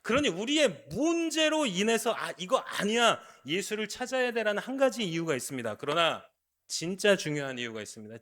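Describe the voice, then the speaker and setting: A male pastor preaching a sermon, moving between quiet storytelling and loud, emphatic appeals. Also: a little high. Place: church sanctuary.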